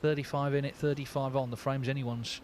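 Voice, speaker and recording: A man giving live snooker commentary in a measured, conversational way. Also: mid-range voice, little pitch movement, darkish tone, slight background noise.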